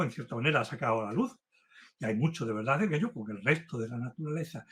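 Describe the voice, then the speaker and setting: A man lecturing on philosophy in an earnest, insistent way. His voice sits a little high for a man, and he leans hard on key words as he builds toward each point. It sounds like a formal talk given to a remote audience. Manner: earnest, emphatic, building intensity as he warms up. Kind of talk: university-style lecture. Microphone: remote talk to a virtual audience.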